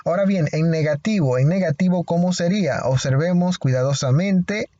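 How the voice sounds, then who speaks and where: A Panamanian man explains grammar in a slow, patient, carefully enunciated way. His voice sits a little high yet sounds soft and dark. The recording is dull and lo-fi. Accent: Panamanian Spanish. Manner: slow, deliberate, repeats English examples with careful enunciation. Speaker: English teacher.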